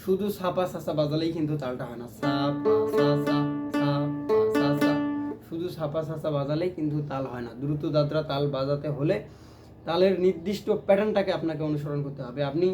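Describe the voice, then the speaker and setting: Man teaching, plucked strings loud behind. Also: on the high side, fast, over loud music. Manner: counts strums and chants rhythm syllables aloud while playing. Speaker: ukulele teacher. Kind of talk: music lesson.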